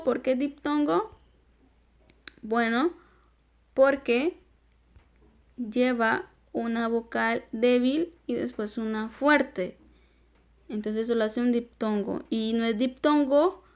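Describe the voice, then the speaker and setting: A woman's voice: a little high, a little mellow. A woman with a Honduran Spanish accent, teaching a recorded grammar lesson as a voice-over on slides, patiently explaining step by step.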